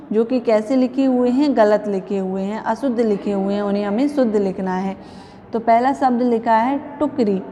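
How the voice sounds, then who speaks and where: A woman's voice: a little high, dark tone, in a large hall, slight background noise. A woman teaching young children a grammar lesson, patiently asking the class questions and repeating each answer. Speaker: primary school teacher.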